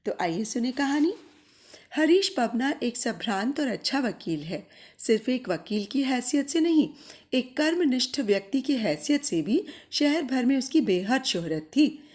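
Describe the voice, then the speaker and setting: A woman narrating a literary short story in a measured, expressive reading voice. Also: high-pitched.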